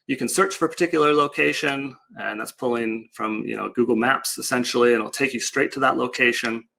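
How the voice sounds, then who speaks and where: Casually explaining his project, a man gives a loosely improvised online slide presentation. His mid-range voice sounds creaky with a fairly bright tone.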